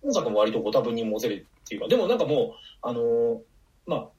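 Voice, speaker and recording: Slangy podcast co-host, man, quick, very expressive pitch, slightly distant mic. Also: lo-fi sound. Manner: animated, swings high for emphasis, slangy. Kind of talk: casual film chat. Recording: voice set back from the mic.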